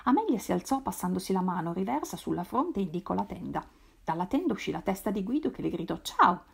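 A woman reading a novel aloud in a measured, expressive way. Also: mid-range voice, gravelly, breathy edge. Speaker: reader. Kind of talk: literary read-aloud.

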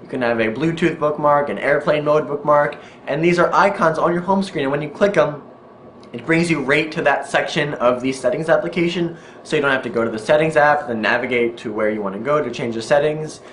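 A man's voice: on the high side, brisk, fairly bright tone, a little hiss or hum. A young man hosting a weekly tech news video, chatty and upbeat, joking about himself now and then. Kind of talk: casual tech news vlog. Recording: roomy echo with faint music.

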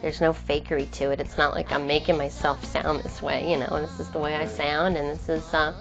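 A woman singer-songwriter with a low-pitched voice talks casually in an interview, circling back and restarting her thoughts as she goes. The sound is muffled and lo-fi, with guitar music playing clearly underneath. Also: little pitch movement, brisk. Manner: rambling, frequent restarts and trailing thoughts. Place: in New York.

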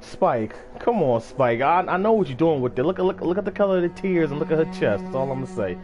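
A man streaming a video game gives casual, slangy, profane let's play commentary straight to viewers, bantering and reading dialogue aloud. He has a slightly scratchy morning voice that sits on the high side, with big pitch swings and a quick pace. The recording is muffled, with game music behind him.

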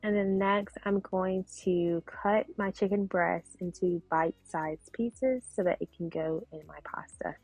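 A woman narrating her cooking video in voice-over, calmly explaining each step. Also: fairly low pitch, unhurried, few pauses, breathy edge, soft background music. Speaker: cooking vlogger.

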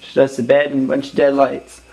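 Despite a completely flat delivery in a creaky, darkish mid-range voice at normal speed, this young vlog host's narration is upbeat and joking, tour-guide style. He holds the camera close to his face around a van, parking lot, and hotel, on a low-quality recording with slight hiss or hum.

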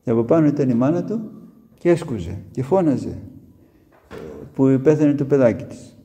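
A man's voice: medium pitch, animated, warm tone. A male monk preaching a sermon, telling stories and acting out the dialogue in a church. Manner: storytelling with quoted dialogue.

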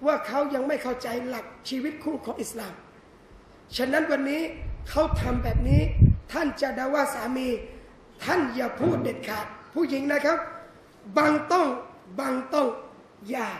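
A man giving a lively, joking Islamic lecture to an audience in a hall. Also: extremely high pitch, slight background noise. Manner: animated, joking, addresses audience as brothers and sisters. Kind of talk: lively religious lecture on marriage. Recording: echoey hall with faint ambience.

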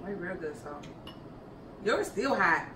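A young woman vlogger doing a noodle eating challenge chats casually and slangily from her living room sofa, with a chiding streak. Her voice sits on the low side, sing-song and slow. The camera is a few meters away, so the audio is roomy, distant and noisy.

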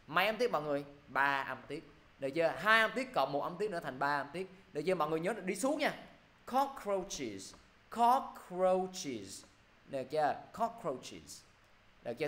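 Male English teacher, slightly high voice, patient drilling, constant check-ins. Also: pushed and bright. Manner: repeats "được chưa" constantly, drills words slowly. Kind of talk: online pronunciation class.

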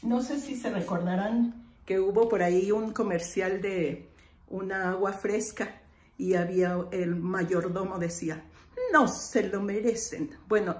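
Woman teacher, slow careful delivery, roomy echo, patient repeats. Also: medium pitch, darkish tone. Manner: slow, patient, repeats example phrases deliberately. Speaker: English teacher. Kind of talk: online lesson explaining grammar.

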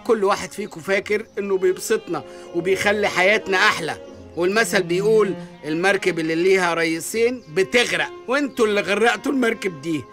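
A man with an Egyptian Arabic accent playing a jealous, excitable young husband in a comic radio drama, indignant and quick. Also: high-pitched, soft background music. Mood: fed up. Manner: indignant, rapid complaints.

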